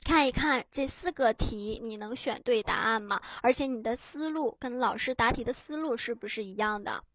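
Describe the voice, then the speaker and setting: A woman's voice: fairly high pitch, moderate pace, a bit bright, dry recording. A woman teacher giving an exam-prep lecture, explaining patiently and tagging her phrases with little "ha" fillers. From China.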